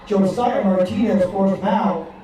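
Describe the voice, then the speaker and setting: A man's voice: high-pitched, slow pace. A man announcing players and plays as a stadium public address announcer at a football game. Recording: echoing distant stadium loudspeaker with crowd. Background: crowd.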